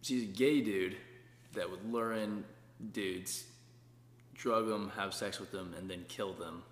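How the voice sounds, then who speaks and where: A man's voice: fairly low pitch, fairly even intonation, slow pace. A young man co-hosting a casual podcast, giving short, laid-back answers. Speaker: podcast co-host. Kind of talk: casual chat. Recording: echoey room with long reverb, faint hum.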